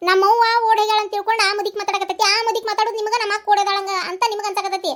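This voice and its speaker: A performer voicing a cheeky young child in a cartoon, with a North Karnataka accent and a brisk, matter-of-fact manner. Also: very high-pitched, flat delivery, fairly bright tone. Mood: insistent. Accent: North Karnataka Kannada. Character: cheeky young child, quick to argue back.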